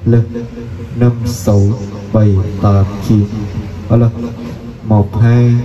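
A man doing a mic check, his voice heard through a karaoke amplifier's loudspeakers with echo. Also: medium pitch, background noise. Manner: slow flat mic-check counting. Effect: heard over a karaoke amplifier's loudspeakers with echo. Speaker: audio equipment seller.

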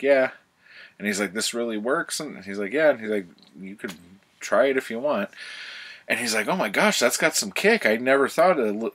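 A man's voice: low voice, sharp tone. A man casually retelling a book's plot for his vlog, rambling along with lots of filler words. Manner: rambling, filler-heavy storytelling with many "um" and "like". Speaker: book vlogger.

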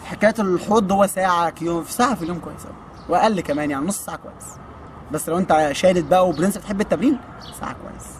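A man in his twenties who coaches kung fu talks very fast in a high voice, answering viewer questions with playful teasing. He has an Egyptian Arabic accent, the talk is a casual Q&A, and there is slight background noise.

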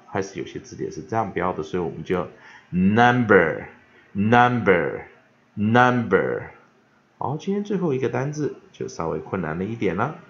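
A man leads an English pronunciation lesson in a low, gravelly voice that swings widely in pitch. He drags out the example words slowly and loudly and fills his pauses with "ah". The recording is dull and lo-fi. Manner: lively, drawn-out demonstration of words, frequent filler "ah". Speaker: English teacher.

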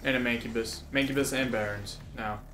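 Young man, mid-pitched, casual gameplay chat, offhand swearing, echo, slight background noise. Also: fairly even intonation, brisk, pushed and bright. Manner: short, offhand, sweary remarks. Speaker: gamer playing and commenting. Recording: echoey with faint game noise.

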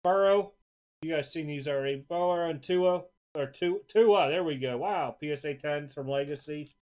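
A man's voice: a little high, normal speed, a little mellow. A man casually showing off trading cards for an upcoming auction, talking in an easygoing, rambling way at a desk at home. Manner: easygoing, rambling, repeats words. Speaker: sports card seller hosting an auction preview. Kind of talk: casual card showcase narration. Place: home card room, indoors.

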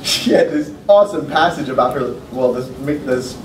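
At a lectern in a lecture room, a middle-aged male poet reads his poems in a mid-range voice at normal speed, tossing in loose, joking, profane asides between them. A podium mic picked up by a far-off camera gives roomy, distant, noisy sound.

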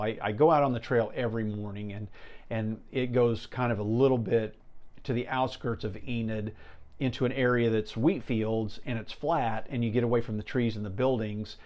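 A man's voice: fairly low pitch, darkish tone. A middle-aged American man in his fifties chatting casually on a solo podcast, telling stories in a rambling, conversational way. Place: small indoor room with brick wall and shelves. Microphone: lapel mic.

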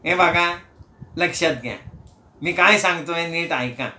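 A man voicing a stubborn, balding office manager who talks down to people slowly and patronizingly. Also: on the high side, sharp tone, roomy sound. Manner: slow, patronizing.

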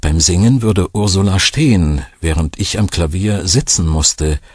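A man narrating a thriller audiobook in the first person, with a wry, expressive storytelling manner. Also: low voice, measured pace, husky, no room sound, studio quality. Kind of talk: scripted narration.

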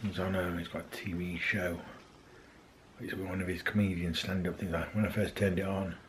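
Man, thirties, casual vlog, rambling, hesitant, deep voice, camera at arm's length, faint noise. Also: level tone, moderate pace. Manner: rambling, hesitant with many ums. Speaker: vlogger. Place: outdoors in a park, then in a car, then at home. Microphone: handheld camera at arm's length.

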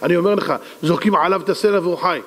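Man doing a calm, persistent royal advisor. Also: sits high, long reverb tail. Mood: earnest. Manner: earnest, patient, insistent pleading.

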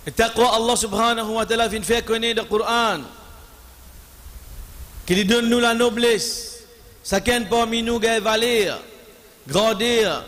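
High-voiced preacher in an echoing mosque. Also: male voice, a bit bright. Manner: slow, drawn-out emphasis mixing Arabic recitation into French. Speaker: imam giving Friday sermon. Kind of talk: sermon. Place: large mosque hall, standing at pulpit. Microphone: stand microphone. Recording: long hall reverb.

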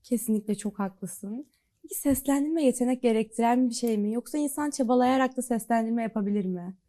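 A woman's voice: fairly high pitch, a little fast, dark tone. A woman hosting the program, asking her guests polite, curious questions. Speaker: program host. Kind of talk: interview questions.

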